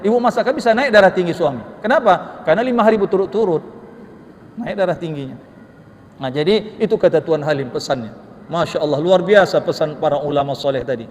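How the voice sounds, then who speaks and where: A man with a high voice delivers a lively mosque sermon full of humor and rhetorical questions. His voice rings with the long reverb of a mosque hall. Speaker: preacher.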